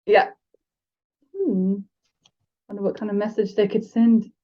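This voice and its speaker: With a flat, unhurried delivery at medium pitch, this woman from the United States reads stories and makes casual book conversation on the fan podcast she co-hosts. She is also an audiobook reader, and the sound is lo-fi.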